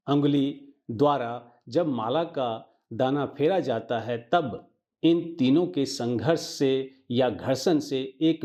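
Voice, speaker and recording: A man reading a formal prepared narration in a measured voice. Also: medium pitch, warm tone, muffled recording. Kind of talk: scripted narration.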